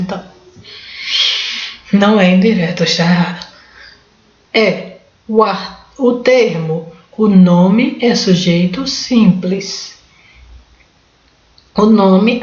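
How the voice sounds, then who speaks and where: A woman's voice: mid-range voice, a little mellow. Brazilian woman teaching in an echoey room. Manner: informal, thinks aloud, many restarts and tag "né". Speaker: exam-prep Portuguese teacher. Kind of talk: spoken lesson going through exam questions. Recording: roomy, dull lo-fi recording.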